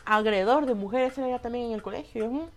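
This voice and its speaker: Talking fast in a very high, fairly bright voice, a young man with a Guatemalan Spanish accent shares a personal story directly with his viewers. He's flamboyant, describes himself as effeminate, curses freely, and keeps ending sentences with "va."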